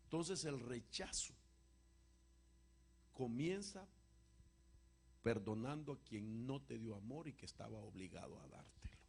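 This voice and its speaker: A man preaching and answering a question with a personal testimony, an emotional storyteller whose voice swings from loud to hushed. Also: medium pitch, expressive, a little slow, creaky, long pauses, slightly rough. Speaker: apostle answering congregation questions.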